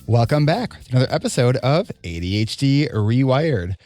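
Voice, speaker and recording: A man hosting a podcast, talking in a relaxed conversational way with frequent fillers. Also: mid-range voice, moderate pace, faint music behind. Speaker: podcast host.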